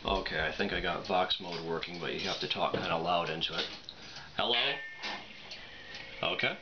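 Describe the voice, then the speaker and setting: Fiddling with the product, a man reviewing it talks through a casual unboxing and demonstration, musing aloud in a tentative way. He has a low voice, speaks at normal speed, and keeps his intonation fairly even. Clicks and beeps fill the dull, lo-fi recording.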